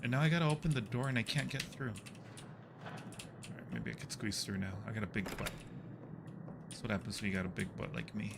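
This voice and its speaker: On a livestream with clear background noise, a man offers jokey, casual commentary while working through a horror game. His voice is on the low side, animated and brisk, yet punctuated by long pauses, and he yelps and exclaims when startled.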